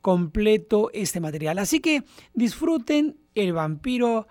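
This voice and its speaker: A radio host introducing a recorded album in a relaxed, conversational way. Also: medium pitch, measured pace, no echo, studio quality.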